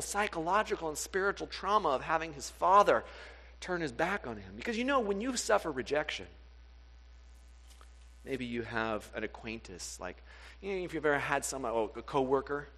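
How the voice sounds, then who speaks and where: Animated male pastor preaching in echoey hall. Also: fairly high pitch, moderate pace. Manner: animated, acts out quoted voices. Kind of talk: sermon.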